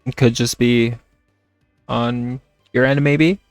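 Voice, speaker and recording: A man chatting casually on a livestream while playing a game, talking in a hesitant, halting way. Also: medium pitch, steady tone, no echo, clean studio sound, soft background music. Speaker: streamer. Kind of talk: casual livestream chat over gameplay.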